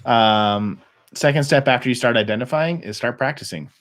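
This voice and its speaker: Animated man acting out anecdotes. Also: medium pitch, moderate pace. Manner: animated, acts out quoted voices in anecdotes. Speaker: podcast host and marriage course teacher. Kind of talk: casual teaching talk.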